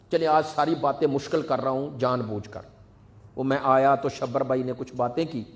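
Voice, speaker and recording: A man, a religious scholar with a Pakistani Urdu accent, preaching a sermon in a mosque, asking the congregation rhetorical questions and repeating synonyms. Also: mid-range voice.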